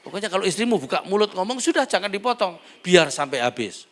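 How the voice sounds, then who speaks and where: A man's voice: sits high, very animated, quick pace, fairly bright tone. A male pastor, preaching a humorous sermon and acting out dialogues.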